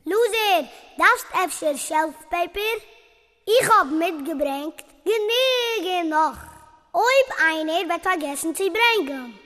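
A woman's voice: very high voice, lively intonation, slow pace, sharp tone, long reverb tail, full character voice. A woman voicing an eager, caring young camp girl who fusses over a guest.

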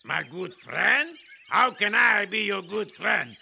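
A man doing a fretful gravelly mill worker. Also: high-pitched, big pitch swings, takes it slowly, bright, forceful tone, exaggerated voice. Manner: fretful, exclaiming, pleading. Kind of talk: audio drama acting.

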